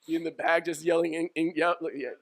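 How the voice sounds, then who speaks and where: A man's voice: a little high, level tone, quick pace, a bit bright, dry recording. A man in his thirties co-hosting a podcast in casual chat, joking and slangy and laughing often. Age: 30s. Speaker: podcast co-host.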